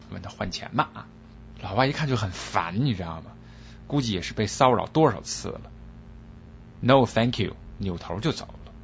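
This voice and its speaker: A man telling jokes in a chatty, expressive storytelling style. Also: lowish voice, vocal fry, highs cut off, slight background noise. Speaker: joke teller, show host. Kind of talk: comic storytelling.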